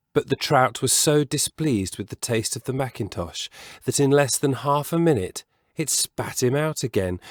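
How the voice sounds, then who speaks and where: In a studio-quality recording free of echo, a medium-pitched male voice gives an expressive scripted reading of a children's story. He takes it at a measured pace, lingering over the descriptive language.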